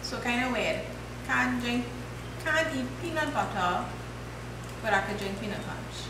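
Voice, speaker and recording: A woman in her thirties with a Trinidadian accent, chatting casually and asking quick questions in a home kitchen. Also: on the high side, expressive, noisy background. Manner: asks short curious questions. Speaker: cooking channel host. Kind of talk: casual chat. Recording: echoey kitchen heard from afar.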